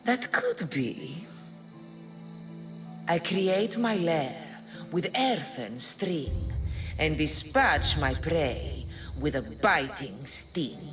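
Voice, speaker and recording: A woman's voice: low-pitched, very animated, drawn-out words, music in the background, full character voice. A woman playing an ancient sphinx in a video game, a grand, stately and teasing guardian who speaks in riddles. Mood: playful riddling. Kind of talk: theatrical video game acting.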